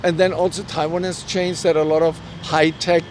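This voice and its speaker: Speaking in a level tone with a voice that sits a little high, a middle-aged German-accented man, German by birth tongue, shares personal stories as an interview guest. He's earnest and halting, often acting out lines of dialogue he once spoke. The recording takes place outside on a street with faint traffic noise.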